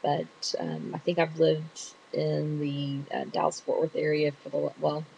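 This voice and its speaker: A woman's voice: deep voice, unhurried, vocal fry, a little mellow, rough recording. A middle-aged woman with a Texas accent, chatting casually and rambling a little as she answers questions. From Texas, USA. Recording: hissy home recording.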